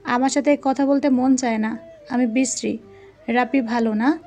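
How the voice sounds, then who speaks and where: A woman's voice: a little high, fairly even intonation, normal speed, darkish tone, lightly acted. A woman voicing a hot-tempered, jealous young husband who speaks in angry, clipped threats.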